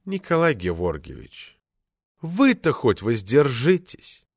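A man reading a novel aloud as an audiobook, with an expressive, theatrical delivery. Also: medium pitch, takes it slowly, no echo, studio quality. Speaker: audiobook reader. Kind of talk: scripted audiobook narration.

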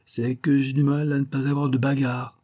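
A man's voice: medium pitch, little pitch movement, moderate pace, warm tone, lightly acted. A man reading aloud as a talkative Paris wine-shop keeper in a storybook. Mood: gossipy. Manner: gossipy, talkative. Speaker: audiobook reader.

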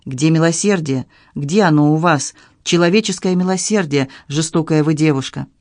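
A flustered middle-aged man, guilty and plaintive, pleading for pity, as a narrator voices him. His tone is soft and reproachful, in a dry, close audiobook recording. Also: a little high, normal speed, dry recording, natural voice.

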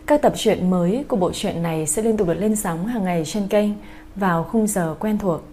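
A woman hosting a night radio story channel, reading a novel aloud in a gentle, soft manner. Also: mid-range voice, moderate pace, a little hiss or hum. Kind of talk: scripted story narration.

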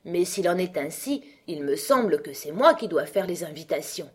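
A woman's voice: lowish voice, expressive, normal speed, a little mellow, breathy edge. A woman reading an audiobook, voicing an earnest, polite young girl who reasons things through carefully.

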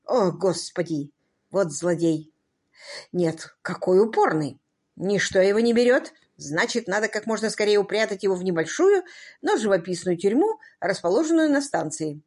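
A dithering old earl, fussy and absent-minded, whose voice leaps up high in flustered exclamations, as a woman reading an audiobook puts him on. His pitch swings widely from line to line. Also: lively intonation, moderate pace, darkish tone, husky.

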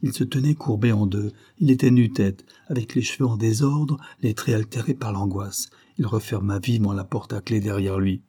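A man's voice: fairly low pitch, steady tone, moderate pace, few pauses, dark tone, husky. A man voicing a frightened young woman who pleads in a tremulous, breathless way in a detective audiobook. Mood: shaken recounting.

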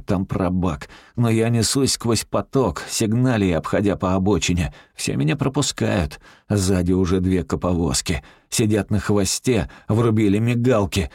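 A man's voice: lowish voice, a little mellow, breathy edge, no room sound, clean studio sound. A man narrating a story in the first person as a brash, crude-talking outlaw. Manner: brash, crude street talk, rapid storytelling. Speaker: audiobook narrator.

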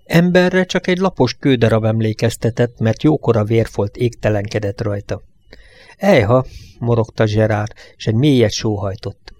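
A man narrating an audiobook in a measured, even storytelling manner. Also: on the low side, no echo. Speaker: audiobook reader.

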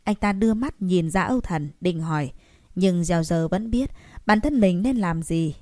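A woman narrating an audiobook story in a steady, even reading. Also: on the low side, moderate pace, no room sound, clean studio sound.

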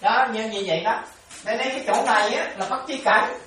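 Speaking quickly in a fairly bright, high-leaning voice, a woman teaches the dharma, repeating herself and regularly asking whether her audience is following. The distant mic captures an echoey room with faint ambience and a little hiss or hum.

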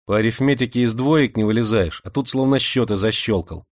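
A man voicing a sullen, quiet young boy who answers in a flat, listless way. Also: brisk, natural voice. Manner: sullen, low-key.

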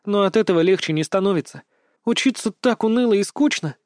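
A man voicing a lively, cheeky teenage granddaughter in an audiobook, with a bold, teasing way of talking. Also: high-pitched, brisk, no room sound, studio quality, pitched above the performer's own voice. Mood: sulky. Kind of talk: audiobook character voice.

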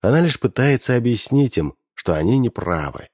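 A man narrating an audiobook in a lively storyteller's manner. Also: mid-range voice, moderate pace, no echo, studio quality.

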